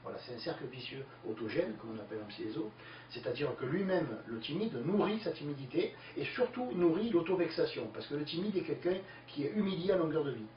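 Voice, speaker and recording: Fast-talking man in an echoey room. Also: a little high. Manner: lively, emphatic, many fillers. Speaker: speaker answering listener questions. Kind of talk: explanatory talk. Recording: distant, echoey, dull lo-fi with faint hiss.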